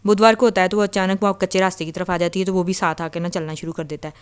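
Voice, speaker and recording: A woman's voice: on the low side, little pitch movement, clear, resonant tone. A woman casually retelling a novel as a storyteller, chatty and loose, with frequent fillers and restarts.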